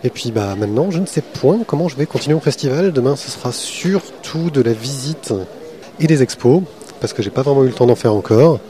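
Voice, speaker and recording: A man's voice: mid-range voice, expressive, a little fast, mellow. A man hosting a podcast, interviewing a comic artist at a festival and then chatting about his day there with many fillers.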